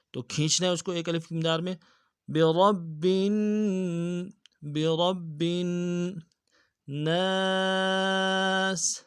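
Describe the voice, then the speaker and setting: A man teaching tajweed, reciting verses slowly and drawn out, then explaining briskly and repeating words for the learner. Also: fairly high pitch, no echo, studio quality. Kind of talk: tajweed lesson with slow recitation.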